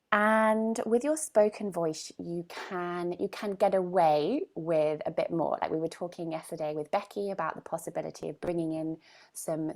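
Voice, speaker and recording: A woman's voice: on the low side, gravelly, darkish tone. A woman coaching a group in a live online session, speaking emphatically and often checking in with "right?". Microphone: video call.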